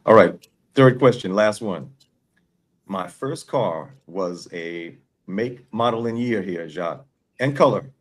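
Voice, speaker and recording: Low-voiced New York-born podcast host. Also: male voice, lively intonation, takes it slowly. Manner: friendly, structured questioning. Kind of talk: podcast interview.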